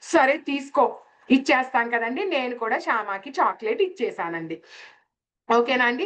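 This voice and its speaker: A woman's voice: fairly high pitch, a bit bright, dull audio. A woman teaching spiritual lessons through everyday stories, often asking her listeners questions. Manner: asks the listeners questions with tag words. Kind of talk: explaining scripture with everyday stories.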